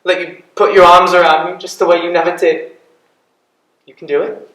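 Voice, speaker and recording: A man's voice: high-pitched, flat delivery, normal speed, a bit bright. Casting: young male actor for wounded youngest prince, sulky and defiant, period stage drama, echoey acoustic. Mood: bitter, self-pitying. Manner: sulky, self-pitying, defiant. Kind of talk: theatrical period drama dialogue. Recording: echoey room.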